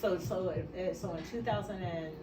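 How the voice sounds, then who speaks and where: A woman's voice: on the low side, moderate pace, echoey room, recorded from a distance, music in the background, rough recording. A woman guest telling her own story in a casual chat, speaking frankly and laughing often.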